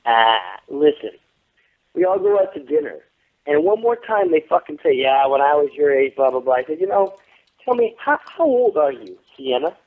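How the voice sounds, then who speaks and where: An actor in his thirties speaks at a moderate pace with a voice on the high side, heard through a tinny phone connection. It's a laid-back interview where he brags, swears a lot and acts out what others told him in animated stories.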